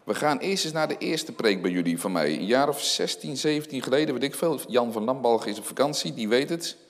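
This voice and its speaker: Lively man preaching in an echoing hall. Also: medium pitch, brisk. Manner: animated, asks many rhetorical questions. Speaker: lay preacher. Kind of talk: sermon with scripture reading. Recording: long hall reverb.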